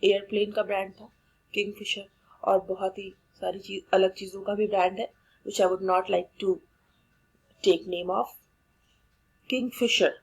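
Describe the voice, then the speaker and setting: A woman's voice: mid-range voice, flat delivery, takes it slowly, gravelly, pauses often, slightly rough, low-quality recording. A woman with an Indian accent teaching English vocabulary, repeating each word and spelling it out letter by letter while mixing Hindi and English. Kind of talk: vocabulary lesson.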